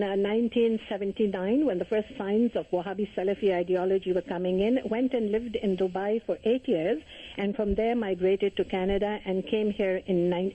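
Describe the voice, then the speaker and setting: An older woman from Pakistan, a guest calling in to a radio talk show, speaking earnestly and in measured phrases with frequent pauses. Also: medium pitch. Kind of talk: phone-in radio interview. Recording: muffled phone line.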